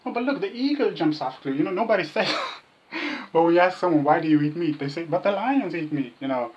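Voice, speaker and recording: A Kenyan vegan activist with a high-leaning, darkish voice talks fast and with lively intonation as an interview guest. In a casual, joking manner he repeats himself and parodies his opponents' remarks, recorded in muffled, dull lo-fi quality.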